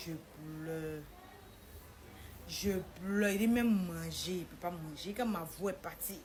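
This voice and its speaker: A woman's voice: on the low side, a little hiss or hum. A woman telling her own story, acting out what people said in a shifting voice. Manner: animated, acts out the dialogue in a shifting voice. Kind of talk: personal storytelling.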